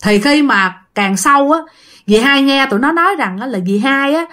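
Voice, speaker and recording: A woman narrates a ghost story in a chatty, repetitive way, turning often to her listeners. Her voice is high. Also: lively intonation, moderate pace, pushed and bright. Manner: conversational, addresses listeners directly, repetitive.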